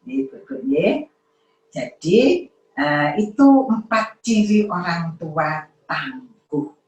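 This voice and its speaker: A middle-aged woman giving a lively parenting talk, acting out parents and children in high voices. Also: slow, roomy sound, far from the mic, poor audio. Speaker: parenting seminar speaker.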